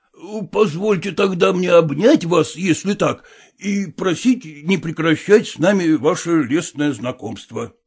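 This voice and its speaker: A man's voice: on the high side, unhurried, breathy edge. A man voicing an agitated, apologetic middle-aged merchant father who rambles and pleads in a storybook reading. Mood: pleading.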